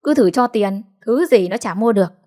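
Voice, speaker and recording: A woman voicing a harsh, sharp-tongued old village mother-in-law who scolds in quick, angry outbursts. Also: medium pitch, natural voice. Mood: furious.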